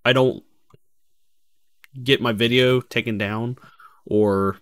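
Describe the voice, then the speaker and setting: A man's voice: medium pitch, steady tone, takes it slowly, smooth, dry recording. A man giving casual, sweary commentary while playing a video game. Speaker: gamer, commentator. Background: game sounds.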